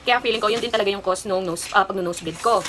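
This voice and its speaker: A woman's voice: mid-range voice, quick pace, a bit bright. Chatty young woman, noisy home recording. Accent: Kapampangan. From Philippines. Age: 20s. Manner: chatty, rambling, with frequent fillers. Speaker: vlogger. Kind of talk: casual haul vlog and personal story.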